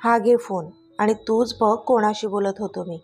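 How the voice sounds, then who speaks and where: A woman voicing a doting, teasing young husband in a storybook tale, speaking slowly and coaxingly. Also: mid-range voice, fairly even intonation, darkish tone, breathy edge, soft background music. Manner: slow, coaxing and playful.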